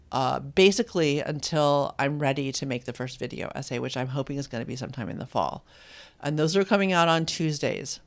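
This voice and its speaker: A host in their fifties, from Indiana, chatting casually on a live stream and reading viewer comments aloud, with frequent pauses and ums. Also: mid-range voice, clear, resonant tone. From Indiana, USA. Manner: rambling and hesitant, with many ums, reads viewer comments aloud.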